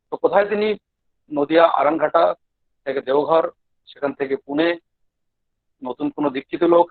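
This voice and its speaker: A man from Maharashtra, more at home in Hindi and Marathi, gives a humble devotional talk in halting, less practised Bengali mixed with English words over an online call. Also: medium pitch, vocal fry, no echo, narrow, tinny audio. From Maharashtra, India. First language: speaks Hindi and Marathi more readily than Bengali. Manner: humble, deferential. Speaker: guest devotional speaker. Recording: thin band-limited online call audio.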